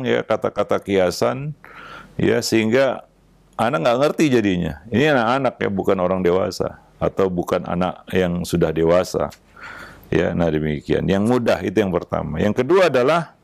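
A man giving a religious lecture on raising children, unhurried and measured, with an Indonesian accent, often dropping a soft "ya" between phrases. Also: mid-range voice, creaky, dry recording. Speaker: Islamic preacher.

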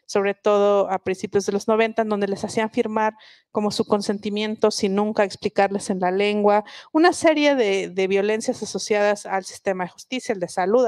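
Speaking in a medium-pitched, slightly mellow voice captured dry and close without echo, a Mixe-speaking linguist from Oaxaca, Mexico, addresses a book festival as a guest speaker. Her public talk is reflective and explanatory, marked by many restarts.

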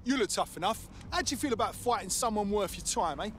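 A man's voice: sits high, expressive, fast, a bit bright, a little hiss or hum. An actor playing a pushy, swearing male fight club recruiter in a video game. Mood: goading.

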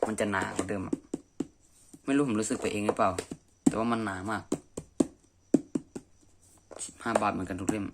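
Speaking at a moderate pace with frequent pauses, this man has a fairly low, steady voice. He's an amateur reviewer musing unscripted in a cluttered indoor room, and the homemade recording carries obvious noise.

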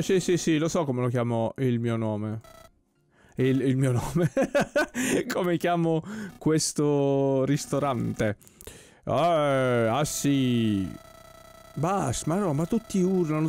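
A man talks his way slowly through a video game, relaxed and often puzzled, tossing in wry jokes. His voice sits at an ordinary middle pitch. Soft game music plays faintly behind him. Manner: relaxed, puzzled, joking asides. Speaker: gameplay commentator. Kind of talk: casual let's-play commentary.

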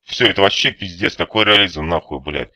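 A man's voice: low voice, fairly quick, bright, forceful tone, no echo. A man giving rambling, profanity-filled commentary while playing a game, irritated and ranting. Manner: constant swearing, rambling and irritated. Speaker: gameplay commentator. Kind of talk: profane let's-play commentary.

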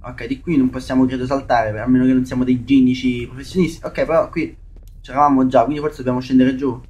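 An Italian gaming YouTuber, a young man, gives let's play commentary on a shooter, swearing, jumpy, and calling his viewers "raga." He talks fast in a mid-range, darkish voice with little pitch movement. The audio is dull, with faint game noise and gunfire behind.

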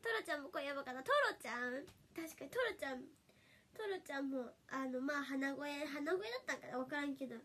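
Young female idol streamer, high bright pitch, stuffy cold voice, playful and giggly. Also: lively intonation, a little fast. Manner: giggly and playful, frequent laughter. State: nasal from a summer cold. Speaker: idol livestreamer. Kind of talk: casual livestream chat reading comments.

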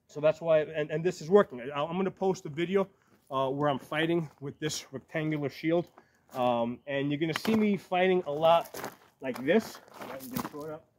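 A medieval combat fighter, a man in his forties, casually talks the camera through shields on a gravel yard bordering woods. He goes step by step, regularly checking in with "right?" or "okay?", in a voice that's a little high. The noisy outdoor audio comes from a camera a few metres away.

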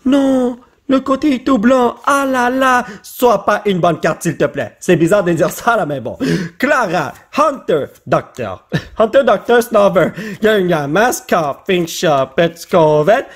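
A man with a Quebec French accent talks in a high, slightly husky voice. He gets excited and jokes as he comments on opening card packs, and mixes in English slang. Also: slow. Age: adult father. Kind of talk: casual pack-opening commentary.

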